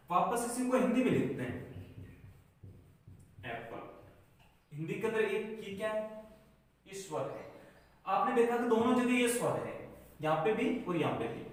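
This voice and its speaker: A male teacher with a Rajasthani Hindi accent walks students through a grammar rule at the board. His voice sits high, and he keeps putting questions to the class and answering them himself. The sound is very echoey, picked up from a distance across the room. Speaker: school English teacher. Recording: echoey classroom, mic far away.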